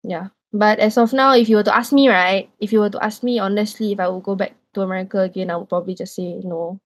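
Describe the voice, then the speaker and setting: A woman's voice: mid-range voice, fairly even intonation, fast. A young woman in her twenties with a Singaporean English accent, telling a story in a loose, rambling way on a casual podcast.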